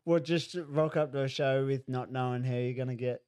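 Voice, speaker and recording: A man hosting a casual podcast chat in a jovial way, quick to laugh. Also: mid-range voice, fairly even intonation, a little mellow, smooth. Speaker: podcast host.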